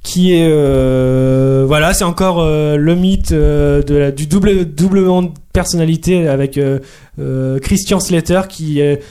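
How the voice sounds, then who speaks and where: A man's voice: fairly high pitch, a little slow, warm tone, clean tone. A man co-hosting a casual chat about TV series, hesitant, with many fillers. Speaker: podcast co-host.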